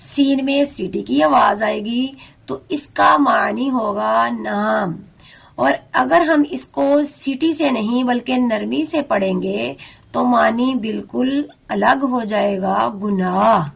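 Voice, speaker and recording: A woman teaching a beginner Quran recitation lesson, slowly and carefully sounding out letters and words. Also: on the high side, vocal fry, husky.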